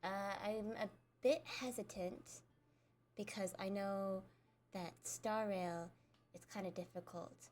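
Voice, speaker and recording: A woman's voice: mid-range voice, steady tone, takes it slowly, darkish tone. A young adult woman chatting casually while she streams a video game, rambling and self-deprecating as she talks. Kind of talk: casual gameplay chat.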